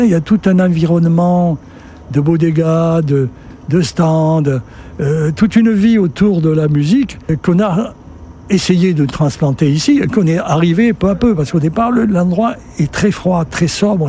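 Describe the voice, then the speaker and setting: Here the speaker is a festival director from Sète, southern France, aged 60 or more, recounting his story in an interview; he rambles and repeats words in a conversational way. A warm tone marks his slightly high voice, and the recording carries a bit of hiss or hum.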